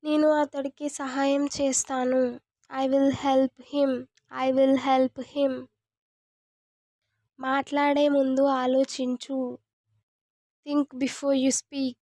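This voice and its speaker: A woman, teaching English as a language lesson, saying each sentence twice in a slow, deliberate way. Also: high voice, darkish tone, no room sound.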